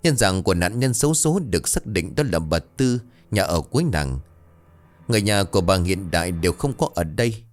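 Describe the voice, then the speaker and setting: A man narrating a ghost story in a steady, measured storytelling voice. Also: low voice.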